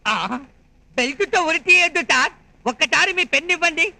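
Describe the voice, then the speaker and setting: Rich: a timid middle-aged man who keeps repeating his awkward name in exasperation and pleads his way out of trouble. His voice sits very high and rings sharp and bright, in a film comedy scene. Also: expressive, normal speed, vocal fry, full character voice, rough recording. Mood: pleading. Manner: pleading, wordplay, exasperated repetition. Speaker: comic actor.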